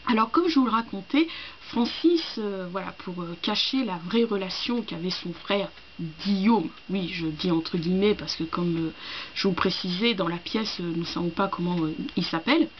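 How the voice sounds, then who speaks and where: A woman's voice: mid-range voice, moderate pace, a little hiss or hum. Hesitant woman vlogger, dull recording. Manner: hesitant, full of fillers and restarts. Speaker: book vlogger. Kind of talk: casual chat to camera.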